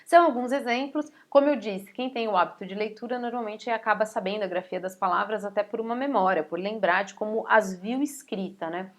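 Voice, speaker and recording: A woman's voice: medium pitch, fairly quick, hardly any pauses. A woman with a Brazilian Portuguese accent, a teacher explaining spelling rules step by step and often checking in with her students. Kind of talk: recorded spelling lesson.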